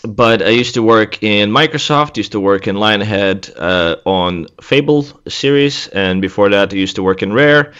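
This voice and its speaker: A man in his thirties from Latvia, a guest artist chatting casually in an interview, relaxed and laughing easily. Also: lowish voice, normal speed, few pauses, smooth, highs cut off. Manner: relaxed, laughs easily, speaks in loose restarts. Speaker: guest, senior environment artist.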